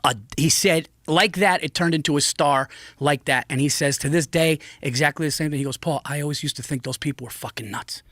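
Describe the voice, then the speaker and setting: A man's voice: a little high, a little fast, no room sound, clean studio sound. A man on a podcast telling a long story in a casual, profane way, acting out other people's lines as he goes. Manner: profane, animated, acts out quotes. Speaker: podcast guest.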